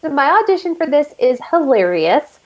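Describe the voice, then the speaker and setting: Chatty high-voiced woman telling stories. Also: big pitch swings, normal speed, highs cut off. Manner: chatty storyteller, many "like" fillers. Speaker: guest actress. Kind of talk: casual interview chat.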